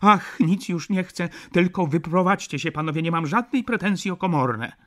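A man voicing a shrill, wailing baroness. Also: big pitch swings, normal speed, husky. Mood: shrill complaint. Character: hysterical aristocratic baroness, middle-aged woman. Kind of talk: audiobook character voice.

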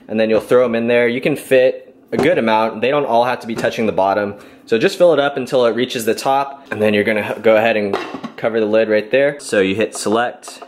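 A man's voice: fairly low pitch, a little hiss or hum. A young man in his twenties giving a casual step-by-step cooking how-to in a home kitchen, explaining in an easygoing way. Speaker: fitness vlogger.

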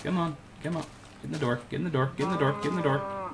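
Talking very fast, with vocal fry and a fairly high pitch, a man comments casually on his video game over background noise. He mutters to himself and coaxes the animals in the game.

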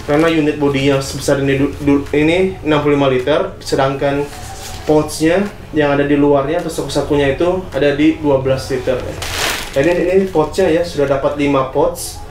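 A man's voice: on the high side, steady tone, a little fast, a little mellow. A young man casually reviewing a camping bag in a small gear-filled room, chatty with lots of fillers and tag questions. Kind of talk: casual product unboxing. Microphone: camera on tripod, seated. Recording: echoey room with faint music.

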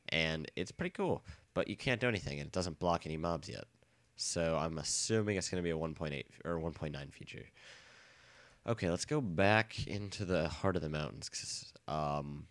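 A man with a very deep, gravelly voice talks through his gameplay in a loose, rambling way, cracking jokes and swearing as he goes. A cold leaves him sounding nasal, and the recording is dry and close with no room around him. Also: fairly bright tone, no room sound. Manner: rambling, jokey, swears freely. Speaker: let's play host. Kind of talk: casual gameplay commentary.

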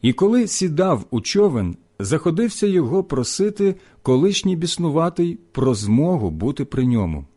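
A man reading scripture aloud in a measured, expressive way. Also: a little high. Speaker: Bible reader.

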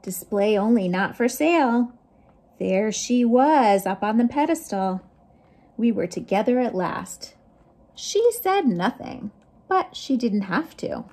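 In a fairly high, sing-song voice with a darkish tone, a middle-aged woman reads picture books slowly and expressively at a children's storytime. As the youth librarian, she also asks her young audience questions and adds side comments.

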